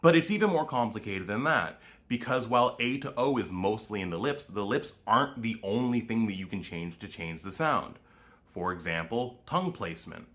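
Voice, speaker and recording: A man's voice: fairly low pitch, animated, moderate pace, a bit bright. A man with a Canadian accent, explaining speech sounds and demonstrating vowels in a short educational video. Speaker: language educator.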